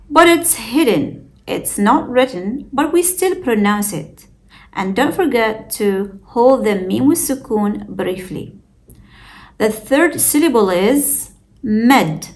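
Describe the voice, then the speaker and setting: Female language teacher, slightly high voice, unhurried, explanatory delivery. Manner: slow, careful, explanatory. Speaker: Arabic teacher. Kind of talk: scripted lesson narration.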